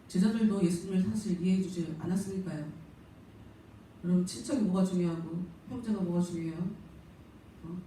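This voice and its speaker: A woman's voice: on the low side, mellow, slight background noise. A middle-aged woman pastor preaching a sermon in a chatty, conversational way, now and then acting out quoted voices. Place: church sanctuary. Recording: distant, very echoey church hall.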